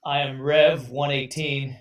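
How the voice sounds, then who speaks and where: A man's voice: medium pitch, level tone, natural voice. A man voicing a terse, resolute male warrior in a tabletop game. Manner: terse, deliberate declarations. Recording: roomy sound from a distant mic.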